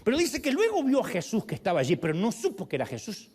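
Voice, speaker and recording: Lively, high-voiced man preaching. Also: fast, slightly rough. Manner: animated storytelling, acting out quoted voices. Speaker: pastor. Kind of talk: sermon.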